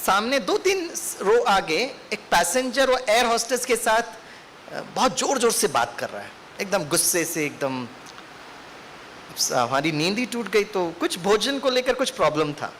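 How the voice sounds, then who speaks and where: A man's voice: high voice, very animated, unhurried, a bit bright. A man with an Indian accent giving a lecture to teachers in training, telling a story and putting questions to his audience. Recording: faint hiss.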